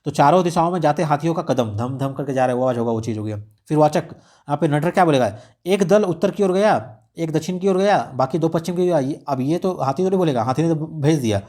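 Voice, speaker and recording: A man's voice: fairly high pitch, fast talker, a little mellow. A man explaining a radio script lesson in a casual teaching style, mixing in English words and restarting often. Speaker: exam-prep teacher.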